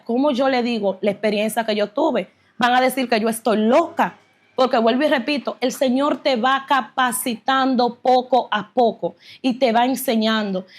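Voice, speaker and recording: A woman tells her faith testimony as a guest in an earnest, fervent way. Her voice sits a little above the usual female range. She speaks with real emotion throughout. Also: on the high side. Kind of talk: personal religious testimony.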